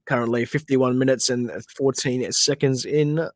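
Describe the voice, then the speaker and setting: The recording has no room sound as an Australian podcast host, speaking in a mid-range voice with fairly even intonation at a normal speed, commentates a football match on a casual livestream. He chats, reads viewer questions aloud and vents at the players.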